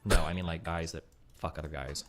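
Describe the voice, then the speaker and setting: A man's voice: very deep voice, steady tone, a bit bright, faint music behind. A man in a casual online debate who argues point by point and cuts in to stop others. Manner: rapid, argumentative, cuts in to halt others. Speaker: stream guest.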